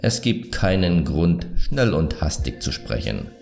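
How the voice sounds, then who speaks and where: A man narrating a scripted self-improvement video, giving advice in a calm, measured, self-assured way. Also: very deep voice, creaky, faint music behind.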